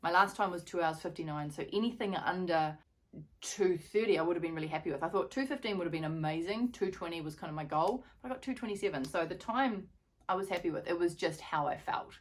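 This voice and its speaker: A woman's voice: lowish voice, quick pace. A woman in her thirties telling a story in a chatty, rambling vlog with many fillers and restarts. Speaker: fitness vlogger.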